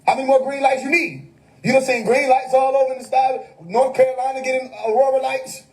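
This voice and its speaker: A man's voice: extremely high pitch, fairly even intonation, brisk, a little mellow, low-quality recording. A man, hosting a casual livestream monologue that preaches hidden meanings with wordplay and frequent laughter. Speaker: livestream host. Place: home.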